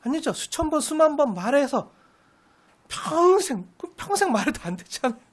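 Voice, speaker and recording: A woman's voice: high voice, very animated, moderate pace. A woman pastor preaching an expository sermon, asking the congregation questions and answering them herself, with emphatic stress on key words.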